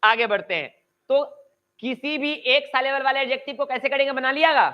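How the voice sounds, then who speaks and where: A male English grammar teacher with a Bihari Hindi accent, giving an online class lecture, drawing out and repeating key phrases slowly and chatting with students between points. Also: very high-pitched, highs cut off. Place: coaching class at home.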